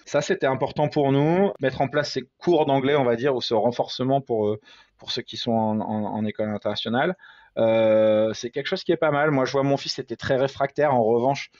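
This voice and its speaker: A man's voice: medium pitch, a little fast, a little mellow, no room sound. A man, a father, talking as an interview guest in a casual, hesitant way, with many fillers and restarts, and poking fun at himself now and then. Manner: self-deprecating, laughs at himself. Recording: slightly dull lo-fi sound.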